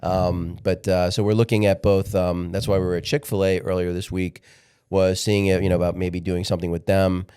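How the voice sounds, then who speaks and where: A man's voice: low voice, level tone, dark tone, clear, resonant tone. A man of sixty, a podcast guest talking candidly in a casual interview, often restarting his sentences. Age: 60s. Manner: candid, halting, repeats words when restarting.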